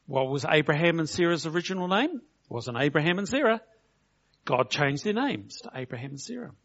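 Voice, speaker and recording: A middle-aged man delivers a relaxed, conversational sermon. His voice sits a touch high for a man, and he slows right down to stress his points and acts out each quote. The recording sounds dull and lo-fi. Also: creaky. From New Zealand. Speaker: preacher.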